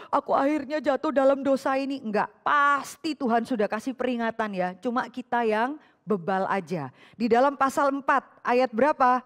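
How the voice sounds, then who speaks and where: A woman preaching an interactive sermon to a women's fellowship. She asks the listeners questions and acts out quoted speech. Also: fairly high pitch.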